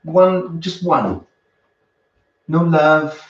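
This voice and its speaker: A man's voice: a little high, animated, extremely slow. A man teaching a live-streamed dance lesson, teasing his partner and counting the steps aloud. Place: dance studio. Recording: roomy, distant, dull camera sound.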